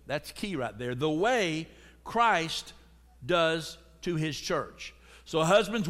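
The pastor's high, somewhat bright voice carries a sermon full of jokes, and he calls out to his congregation. It's recorded in a church sanctuary with a long, echoing reverb.

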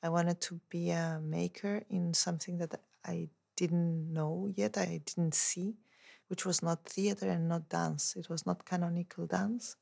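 A woman's voice: on the low side, vocal fry, a little mellow. A woman, a dance artist speaking thoughtfully in an interview and searching for her words. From Chile. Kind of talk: reflective interview monologue.

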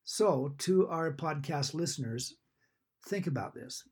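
A man's voice: fairly high pitch, animated, measured pace, darkish tone, slightly rough. A middle-aged or older man speaking conversationally as a podcast co-host.

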